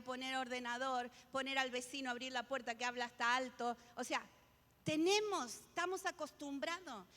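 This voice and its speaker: A woman's voice: high-pitched, a bit bright, long reverb tail. A woman pastor preaching a sermon, emphatic and repetitive, often restarting her words. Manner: emphatic, repeats key phrases, many restarts.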